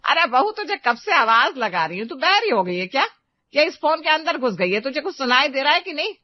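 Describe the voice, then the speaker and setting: A woman plays a grumbling older mother-in-law in an animated story, pitched up and shrill. Her complaints come out sharp and insistent. The sound is dry and a little dull. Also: fairly quick, no room sound. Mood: scolding. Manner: shrill calling, nagging scolds. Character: elderly scolding mother-in-law, complaining, stubborn.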